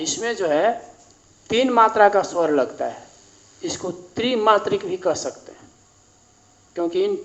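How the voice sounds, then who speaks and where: A man teaching a grammar lesson at a board, explaining slowly and repeating each definition. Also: sits high, poor audio.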